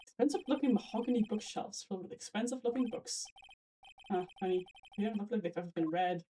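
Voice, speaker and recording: Mellow-voiced woman, wry let's-play commentary, mic a bit far off. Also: medium pitch, fast talker, a little hiss or hum. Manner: chatty, wry asides with restarts. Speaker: co-host streamer. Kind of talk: let's-play commentary, reading game text aloud. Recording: slightly distant mic with faint game music.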